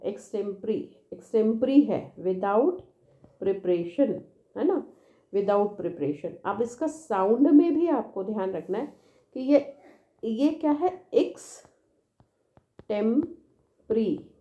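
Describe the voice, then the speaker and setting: A woman's voice: a little high, warm tone, echoey room. A woman teaching English vocabulary in a patient, repetitive way, speaking with an Indian English accent and checking in with tag questions after each point. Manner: slow, patient, repeats each word and its spelling; ends phrases with tag questions. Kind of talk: vocabulary lesson in Hindi mixed with English.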